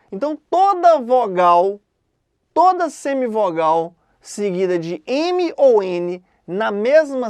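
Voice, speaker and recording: A woman teaching an exam-prep grammar lesson in a conversational way, often checking in with quick questions. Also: mid-range voice, darkish tone, no room sound.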